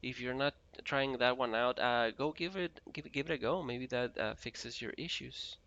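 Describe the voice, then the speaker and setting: A man from Mexico chats his way through a flight sim stream, reading out his viewers' messages and laughing often. His voice has a gravelly edge and a bright, forward tone. The stream audio comes through a little muffled and lo-fi. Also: mid-range voice, normal speed. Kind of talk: casual live-stream commentary reading chat.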